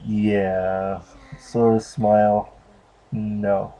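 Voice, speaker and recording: A young man with a lowish, dark-toned voice speaks very slowly and flatly while video game music plays. He's a let's play commentator giving casual, unscripted commentary that is hesitant, rambling, and offhand.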